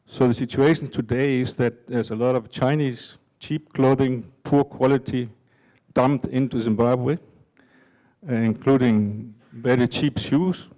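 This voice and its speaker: An older man from Denmark giving a conference talk in an unhurried, halting way with many fillers. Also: mid-range voice, steady tone, warm tone. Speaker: conference speaker. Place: conference hall.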